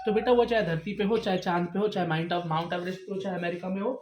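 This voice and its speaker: A man with a high, steady voice talks fast as he teaches a science lesson to a class. He quizzes the students, calls them "beta," and answers his own questions.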